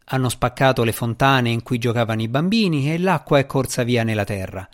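A scornful, boastful djinni in a boy's form, dripping mockery and theatrical sarcasm, as a man reads him in an audiobook. His mid-pitched voice swings up into sneering jibes. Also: brisk, natural voice. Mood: sardonic. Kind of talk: audiobook character reading.

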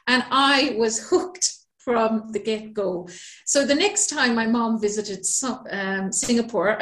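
Chatty Irish woman in an echoey room. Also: mid-range voice. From Ireland. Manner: chatty, lively storytelling. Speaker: guest, business mentor. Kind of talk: podcast interview.

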